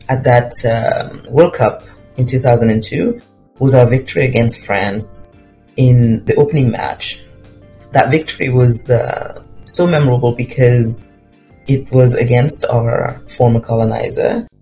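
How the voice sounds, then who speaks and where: Man, Senegalese accent, mellow tone, mid pitch, informal prepared talk, faint music behind. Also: a little slow, poor audio. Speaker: guest contributor.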